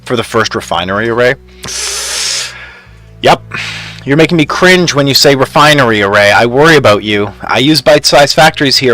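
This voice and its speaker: A man's voice: medium pitch, sharp tone. Chatty, laughing male game streamer. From Canada. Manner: chatty, laughs often, talks to chat. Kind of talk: casual live stream chat.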